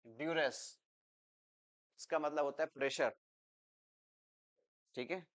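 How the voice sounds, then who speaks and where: A man teaching an English grammar lesson in Hindi, explaining with English examples and turning loud and emphatic when he makes a point. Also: a little high, takes it slowly. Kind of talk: classroom lecture.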